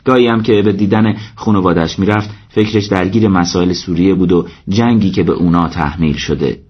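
A man reading a story aloud as narrator, steady and measured. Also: low-pitched, breathy edge, muffled recording. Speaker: audiobook narrator. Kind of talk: scripted narration.

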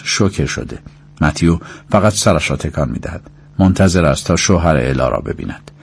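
A man narrating an audiobook in a measured, descriptive way. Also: low voice, a little mellow.

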